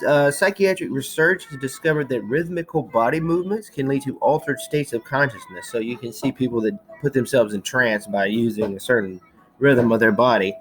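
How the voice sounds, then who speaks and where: A woman's voice: a bass voice, rough recording. A woman teacher giving a recorded slideshow lecture in a chatty manner, checking in often with "okay".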